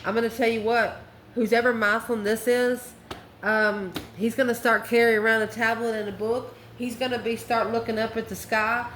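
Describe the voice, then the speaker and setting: A woman hosts a channel and gives an informal tarot reading, speaking in a folksy, emphatic way and calling her listeners by endearments. Her fairly high, fairly bright voice is flat in delivery at normal speed. The room echoes, with faint background noise.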